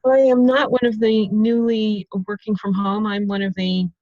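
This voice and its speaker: An amused, chatty woman speaks casually over a video call. The audio is dull and lo-fi, with a dry, close sound and no room echo. Her pitch is in a middle range. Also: little pitch movement, moderate pace, warm tone. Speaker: freelancer, meeting participant.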